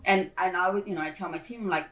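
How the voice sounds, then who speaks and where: A woman's voice: lowish voice, fast talker, fairly bright tone, low-quality recording. A woman talking earnestly and encouragingly in a casual motivational chat, often repeating her points.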